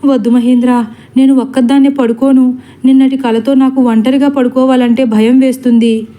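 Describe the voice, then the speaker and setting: A woman voicing a worried old grandmother in a story, talking slowly and pleading. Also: sits high, little pitch movement, mellow, natural voice. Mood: anxious. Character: anxious old grandmother of a rich house. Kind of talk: storybook acting.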